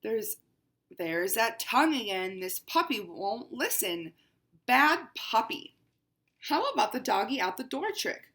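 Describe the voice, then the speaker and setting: Exaggerated and forceful, this bright, fairly high voice belongs to a woman playing a haughty, pampered house cat while reading a storybook. She takes her time, swings her pitch dramatically, and exclaims with fussy flair as a female-ish narrator.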